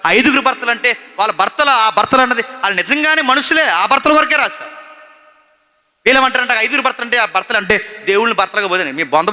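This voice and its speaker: A male preacher with a high, sharply bright voice. He swings from loud, emphatic questions to hushed storytelling. A long reverb trails behind him. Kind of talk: sermon.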